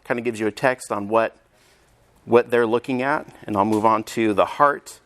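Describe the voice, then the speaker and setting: A man presenting a hands-on teacher training workshop, upbeat and energetic as he demonstrates to a room of teachers. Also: on the low side, moderate pace. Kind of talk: live teacher training session. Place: conference room with audience.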